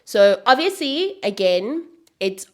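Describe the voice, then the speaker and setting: A woman's voice: fairly high pitch, sing-song, takes it slowly. An earnest woman in her late twenties hosts a casual podcast conversation. She talks with feeling and often restarts her sentences, repeating words before pushing on. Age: late 20s. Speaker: podcast host.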